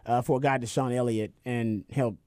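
A man hosting a sports podcast, commenting casually with emphatic repeats and halting restarts. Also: mid-range voice, steady tone, darkish tone, dry recording.

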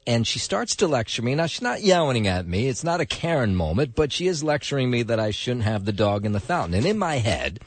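A man hosting morning radio news, telling a casual story in a chatty, relaxed way. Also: medium pitch, fairly quick, hardly any pauses, slightly rough, dry recording. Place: radio studio.

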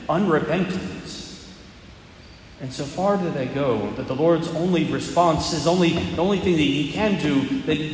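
Male priest, solemn measured homily, heavy church echo, long reverb tail, faint background noise. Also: fairly high pitch. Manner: solemn, measured with deliberate pauses. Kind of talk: liturgical reading and homily. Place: large reverberant church during Mass.

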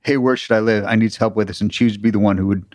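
A man's voice: on the low side, fairly even intonation, very fast, darkish tone, no room sound. A middle-aged man co-hosting a podcast in casual chat, easygoing with a dry sense of humor. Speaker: podcast co-host.

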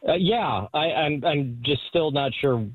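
A man's voice: a little high, lively intonation, unhurried, husky, no echo. A confused, hesitant man who stammers as he talks to a prank caller over the phone from his office. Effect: heard over a phone line. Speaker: target of a prank call. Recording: tinny phone line.

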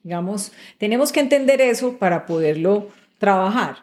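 A woman's voice: mid-range voice, lively intonation, moderate pace, darkish tone. Middle-aged woman explaining steadily. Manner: explains patiently, often checks in with "¿ves?" and "¿sí?". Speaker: guest executive. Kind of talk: conversational interview.

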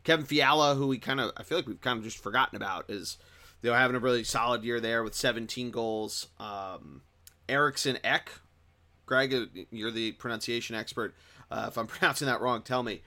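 Bright-voiced man hosting a sports podcast. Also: medium pitch, brisk. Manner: lively, runs the rundown and tosses questions to co-hosts. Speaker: podcast co-host leading the segments. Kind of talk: casual sports podcast chat.

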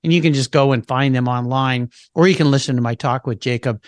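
A man's voice: medium pitch, brisk, no room sound. A man talking casually and with enthusiasm in a radio interview, using plenty of fillers. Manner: chatty and enthusiastic, with many fillers. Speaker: car show host and guest expert.

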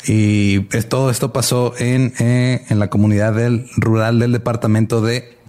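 A man's voice: mid-range voice, flat delivery, moderate pace, warm tone. A man co-hosting a podcast, laid-back and joking, full of slang. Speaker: podcast co-host. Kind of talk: casual podcast chat.

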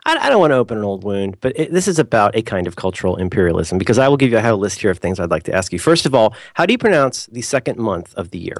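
A man's voice: lowish voice, big pitch swings, rapid-fire, hardly any pauses, dry recording, studio quality. A man from the American Midwest with a Midwestern accent, co-hosting a casual comedic chat, teasing with mock-serious asides.

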